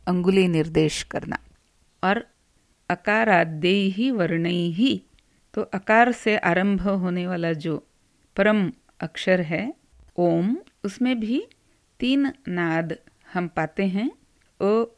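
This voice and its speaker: Slow, gravelly-voiced woman teaching Sanskrit. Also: medium pitch. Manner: slow measured explanation, chanting verses. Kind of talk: explaining a devotional hymn.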